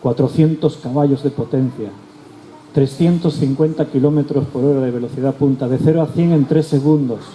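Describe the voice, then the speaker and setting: A man's voice: medium pitch, steady tone, normal speed, warm tone, a little hiss or hum. A male pastor, teaching a Bible study. He explains patiently and often repeats or rephrases his key words. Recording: roomy echo with faint background ambience.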